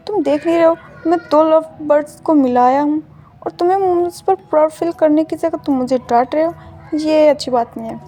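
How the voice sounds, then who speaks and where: A woman's voice: high-pitched, normal speed, warm tone, natural voice. A woman voicing a teasing, proud young man in a told fan-fiction love story. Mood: indignant.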